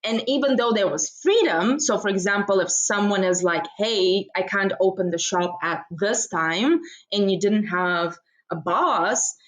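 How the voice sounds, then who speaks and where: Podcast guest: young Bulgarian-born woman, mid-pitched, energetic storyteller. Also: measured pace, low-quality recording. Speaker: podcast guest, business mentor. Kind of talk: podcast interview.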